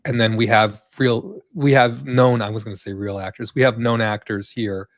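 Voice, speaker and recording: Male co-host, mid-pitched, rambling commentary with lots of fillers. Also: steady tone, moderate pace, no echo, clean studio sound. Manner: rambling, many fillers and tag questions. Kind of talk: live entertainment news chat.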